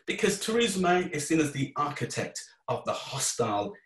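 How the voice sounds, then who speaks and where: A man's voice: fairly high pitch, sing-song, brisk, a bit bright. A man giving an informal, earnest talk, conversational and prone to asides and restarts. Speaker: speaker giving a talk on faith and immigration. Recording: roomy sound from a distant mic.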